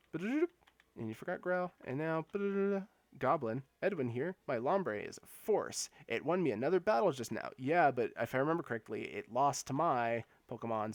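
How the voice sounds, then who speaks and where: A man's voice: mid-range voice, dry recording. A man streaming a game live, chatting casually with viewers, laughing often and repeating words as he talks. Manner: giggly, stammers and repeats words; chats with viewers while playing. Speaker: gaming streamer.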